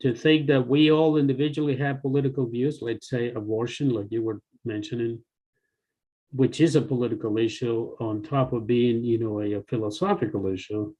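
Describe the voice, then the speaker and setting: A man's voice: medium pitch, fairly even intonation, normal speed, mellow, lo-fi sound. Older guy on a video call, from el salvador originally, lots of uhs and restarts, plain middle voice. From born in El Salvador, raised in the US and Canada. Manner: hesitant, many fillers and restarts. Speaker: longtime devotee joining the call. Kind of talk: casual discussion on a video call. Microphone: video call computer mic.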